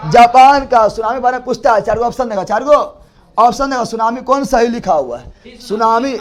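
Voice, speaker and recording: Man, very high voice, classroom teacher, drills answers by repetition. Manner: repeats key words and quizzes the class; loud, drilling call-and-response. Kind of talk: classroom lecture.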